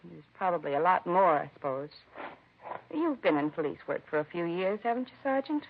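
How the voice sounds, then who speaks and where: In a 1950s radio drama, an actress with a lowish voice plays a woman running a children's home, earnest, concerned and indignant. She speaks brisk, plain-spoken and heartfelt lines with great animation, on a dull vintage recording with a slight hiss or hum.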